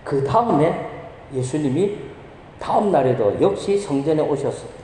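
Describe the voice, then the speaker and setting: A male pastor preaches in a high, lively voice that swoops up and down, with a mellow, warm tone. He throws question after question at the congregation and then answers them. The sound carries a heavy, long church reverb. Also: normal speed, slight background noise. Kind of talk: sermon. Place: church sanctuary.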